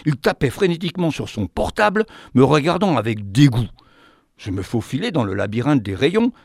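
Theatrical French storyteller man, very lively. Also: mid-range voice, moderate pace, creaky, dry recording, clean studio sound. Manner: animated, theatrical. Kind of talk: expressive narration of a fantastic tale.

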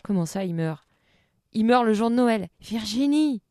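A woman putting on a lower, hushed voice for an indignant offstage figure who corrects the storyteller. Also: lively intonation, measured pace, dry recording, studio quality.

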